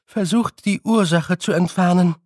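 A man voicing a weary older woman who murmurs slowly and sounds half faint. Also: sits high, a little mellow, no echo, studio quality, voice pushed up. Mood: dazed.

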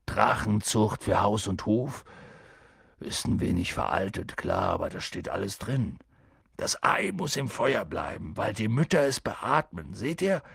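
A man voicing a big, gruff and kindly half-giant groundskeeper in an audiobook, rambling and hesitant with ums. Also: mid-range voice, a bit bright, no echo, studio quality, heavily acted. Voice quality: gravelly, husky. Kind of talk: audiobook character voice.

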